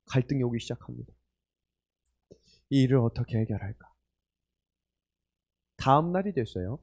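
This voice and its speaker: A man's voice: on the high side, mellow. A man in his forties preaching a sermon, telling a personal story and putting questions to his listeners in an earnest way. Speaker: pastor. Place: church hall or retreat meeting room.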